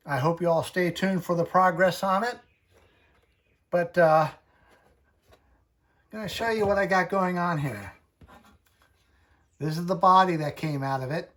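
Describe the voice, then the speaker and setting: Slow-talking man, casual hobby vlogger. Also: on the high side. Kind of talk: casual hobby tutorial vlog.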